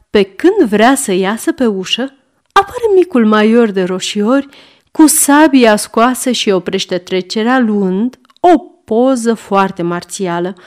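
A woman reading a classic short story aloud as an audiobook narrator, in a measured, expressive way. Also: mid-range voice.

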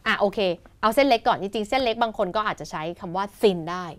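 A young woman co-hosting an educational show, explaining words and drilling pronunciation in a lively way. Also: medium pitch, fast. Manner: animated, spells out and drills pronunciation. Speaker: co-host teaching English. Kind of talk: casual educational chat.

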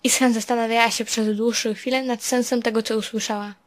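Woman storyteller, dramatic reading, slow and soft, fairly high voice. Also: fairly even intonation. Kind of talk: reading a fan story aloud.

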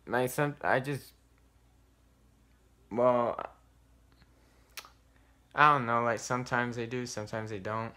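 A man's voice: medium pitch, steady tone, slow pace, long pauses, sharp tone. A man playing a shy fifteen-year-old boy on a phone call. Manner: hesitant, short replies with hums. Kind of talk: phone call role-play.

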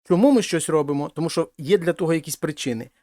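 A middle-aged male teacher explains a language lesson in a fairly high voice. He works through each point patiently and restates it in other words. The recording is close and dry. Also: fast talker, a little mellow, no echo. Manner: explanatory, repeats and rephrases points. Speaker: Spanish teacher.

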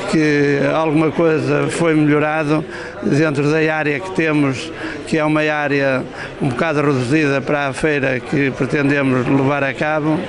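A man in his sixties, a local official interviewed with a handheld mic, hesitant with many fillers. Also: a little high. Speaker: parish council president at the fair. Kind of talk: on-the-spot news interview. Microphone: handheld reporter mic.

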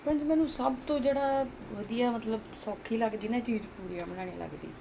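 A woman's voice: fairly high pitch, fast talker, creaky, mellow. A woman with a Punjabi accent chatting casually to her viewers as a home vlogger, often asking them questions as she goes. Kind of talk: casual chat to viewers while doing housework. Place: at home, partly in a kitchen while cooking. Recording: noisy home recording with household ambience.

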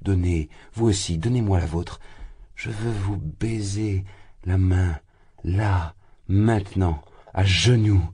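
A man reading an audiobook voices a drunk, exalted young man who rants loudly, his voice leaping high and then sinking. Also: takes it slowly, breathy edge, heavily acted. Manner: loud, impassioned, rambling, swings high. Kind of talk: audiobook character voice.

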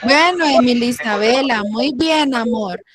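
A woman teaching English to young children on a video call, affectionate and slow in her pronunciation drills. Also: fairly high pitch, crowd noise. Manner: affectionate, calls pupils "amor". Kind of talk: online class for young children.

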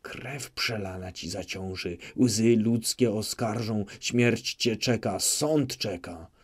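Male narrator's take on a solemn, defiant wounded knight, low voice, measured delivery. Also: slightly rough. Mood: grave. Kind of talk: audiobook character reading.

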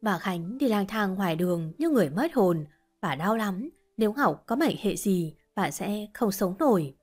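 Woman narrating a story over soft music. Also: medium pitch, animated, moderate pace, slightly rough. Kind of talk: scripted audiobook narration.

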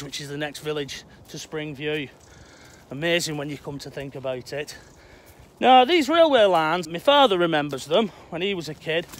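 A middle-aged man with a broad Lancashire accent talks to his viewers in an easy, chatty way as he walks through winter woodland. His voice sits slightly higher than most men's. He is filmed outdoors on a phone held at arm's length. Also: a bit bright. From England. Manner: chatty, addresses viewers as "Hot Potters". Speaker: vlogger exploring old railway sites. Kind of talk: walking outdoor vlog to camera. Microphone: phone camera held at arm's length.

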